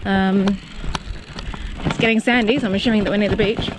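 A woman's voice: mid-range voice, steady tone, brisk, low-quality recording. A woman in her thirties, a sailing vlogger, chatting enthusiastically while cycling along an island coast, filming herself with a camera at arm's length. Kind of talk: casual vlog chat. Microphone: camera held at arm's length. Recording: music playing under the voice.

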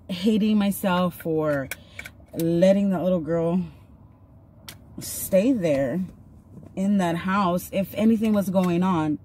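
There's a little hiss or hum on the recording of this woman in her thirties, whose voice is fairly low with a dark tone. A vlogger filming on a phone at arm's length in a parked car, she earnestly chats through a personal story, full of fillers, while applying makeup.

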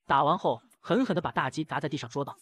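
A man narrating a dramatic comic recap with rapid, punchy storytelling. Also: on the high side, fairly bright tone.

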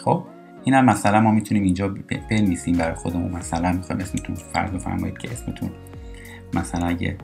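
A man teaching a recorded French lesson, explaining pronunciation and slowly repeating example words. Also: low voice, animated, vocal fry, a little mellow, soft background music.

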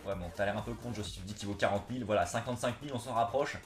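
A man's voice: fairly low pitch, rapid-fire, roomy sound, music in the background. A young man with a slight slushy lisp on his s sounds, chatting casually and slangily like a gaming YouTuber. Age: young adult. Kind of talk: casual gaming vlog chat. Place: small indoor room, seated on a couch.

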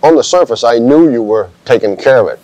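A man's voice: mid-range voice, animated, a little fast, dark tone, poor audio. A man who works as an RV inspector, talking emphatically and a bit like a lecture in casual chat to camera.

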